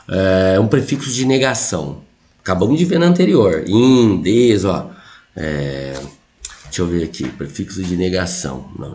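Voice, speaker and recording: A Brazilian man, a teacher, working through exam questions in a chatty lesson, thinking aloud with many quick asides. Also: lowish voice, a little mellow. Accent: Brazilian Portuguese. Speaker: Portuguese teacher for civil service exams. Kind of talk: casual exam-prep lesson.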